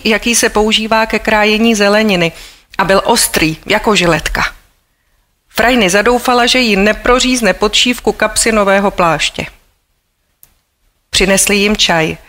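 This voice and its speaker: Woman narrating an audiobook, measured. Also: medium pitch, fairly bright tone.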